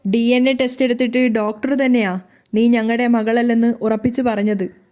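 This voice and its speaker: A woman voicing a tearful middle-aged mother with a gentle, consoling manner. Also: on the high side, flat delivery, normal speed, lightly acted.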